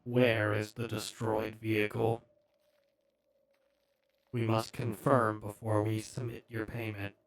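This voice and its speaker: A game master voicing a secretive bounty contact whose distorted, fuzzy voice comes over a phone, cold and clipped. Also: male voice, lowish voice, level tone, takes it slowly, long pauses, voice pushed down. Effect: heavily distorted voice over a phone.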